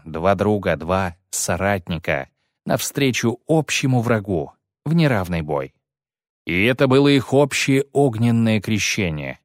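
A man narrating an audiobook in a steady, dramatic storytelling manner. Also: lowish voice, no room sound, clean studio sound.

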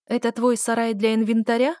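A woman voicing a naive, excitable young princess who asks questions in a squeaky voice, as in an audiobook. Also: brisk, dry recording, clean studio sound, natural voice. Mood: innocent.

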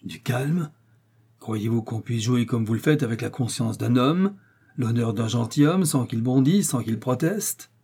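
A man's voice: medium pitch, a little slow, mellow, husky. A man voicing an aristocratic count who protests his innocence in outrage, in an audiobook reading. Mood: indignant. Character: indignant aristocratic count, middle-aged man.

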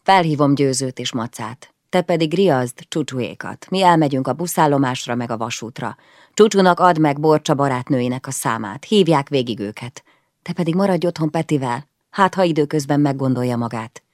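A woman doing a brisk, practical husband. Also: very deep voice, no room sound, clean studio sound. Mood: calming, practical. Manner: calm, brisk, gives clear instructions. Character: practical, no-nonsense middle-aged husband.

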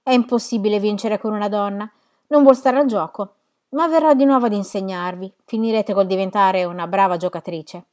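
A woman's voice: medium pitch, a little fast, darkish tone, close to an everyday voice. A woman voicing a charming, easygoing young man who teases playfully, read from a novel. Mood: teasing.

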